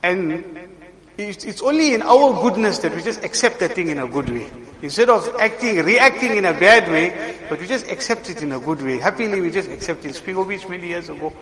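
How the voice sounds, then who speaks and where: A man giving a sermon, telling moral stories in an animated way and acting out the people he quotes. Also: high-pitched, a little fast, crowd noise. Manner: animated, acts out quoted characters. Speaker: preacher. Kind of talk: sermon storytelling. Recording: long hall reverb.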